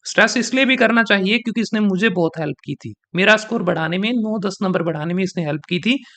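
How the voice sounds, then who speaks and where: A young male exam coaching trainer teaches an online lesson in Hindi mixed with English. His voice sits high for a man and sounds bright and forceful. He explains in an easy, patient way, repeating example sentences slowly to show where the stress falls.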